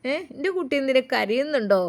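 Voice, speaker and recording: A woman voicing an elderly grandmother who gently soothes and reassures in a low, soft voice. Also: brisk. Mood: soothing. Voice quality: soft, lowered voice. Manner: coaxing, reassuring.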